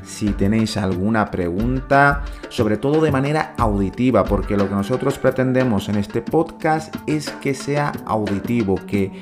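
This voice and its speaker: A man teaching in a podcast, speaking slowly and patiently and repeating each sound several times. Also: on the low side, music in the background. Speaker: Arabic teacher. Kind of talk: podcast lesson.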